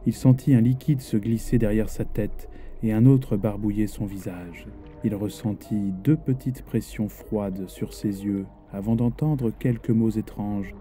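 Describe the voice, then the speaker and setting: A man telling a dark sea legend in steady, dramatic scripted narration. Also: lowish voice, a little slow, faint music behind. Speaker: storyteller.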